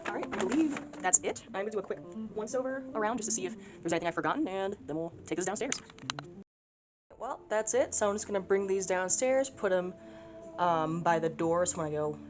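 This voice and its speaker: A woman's voice: medium pitch, a little hiss or hum. A young woman chatting casually through her day at home for a vlog, rambling with lots of fillers. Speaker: vlogger.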